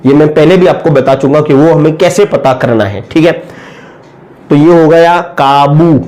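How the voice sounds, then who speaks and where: A man giving a patient, step-by-step lesson on writing letters, drawing out each sound slowly and often checking in with the viewer. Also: a little high, darkish tone. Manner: frequent check-ins with the viewer. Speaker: Urdu writing teacher.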